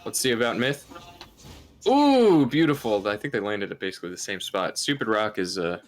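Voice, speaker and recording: A tired man calls a live speedrun race in a somewhat low voice. He rambles, laughs at himself and stumbles over words, but keeps the play-by-play going. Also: lively intonation, quick pace, a bit bright. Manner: rambling, giggly, loses his words. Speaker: speedrun commentator.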